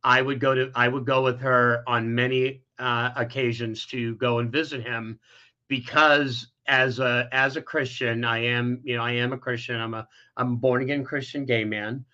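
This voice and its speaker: Candid, bright-voiced man telling his story. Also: mid-range voice, little pitch movement, normal speed, lo-fi sound. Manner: emotional, candid storytelling with many restarts. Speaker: guest. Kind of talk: personal story in an interview.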